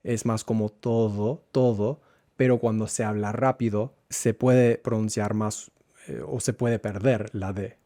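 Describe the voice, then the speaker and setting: A man teaching a Spanish lesson, going slowly and repeating words so learners can follow. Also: on the low side, fairly even intonation, dark tone, no room sound, studio quality. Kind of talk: language lesson.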